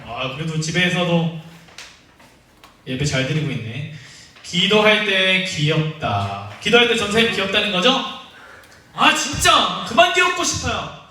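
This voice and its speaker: A young man with a bright, high voice leads an online Sunday school lesson for children, teasing the kids and calling them by name. His pitch swings widely as he talks. He sounds far from the mic in an echoey church room. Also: very animated, measured pace, long pauses, a little hiss or hum. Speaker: children's ministry teacher.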